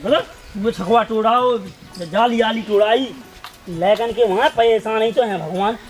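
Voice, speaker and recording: A man with a Bundeli accent, loudly complaining in a rustic comedy skit. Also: sits high, unhurried, soft background music.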